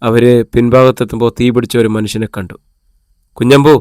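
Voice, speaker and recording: A man reading a serialized audiobook in an even, measured way, at a middling pitch. The recording is dry and close, with no room around the voice. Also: dry recording. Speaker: audiobook narrator. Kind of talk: scripted story narration.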